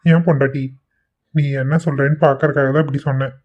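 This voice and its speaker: A man's voice: a little high, level tone, fast, close to an everyday voice. A man voicing a bossy young cartoon husband, tinny. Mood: affectionate. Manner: bossy, confident. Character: young husband, protective and teasing. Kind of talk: cartoon voice acting. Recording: tinny phone-like sound.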